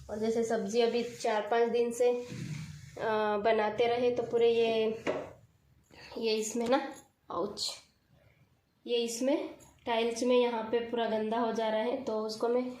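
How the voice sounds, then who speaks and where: A woman's voice: a little high, darkish tone. A woman in her thirties from India, chatting casually while she cleans her kitchen. She is getting over a cold and her throat is still sore. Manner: chatty, talking while working. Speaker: village vlogger. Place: home kitchen, tiled and echoey. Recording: echoey kitchen, faint noise.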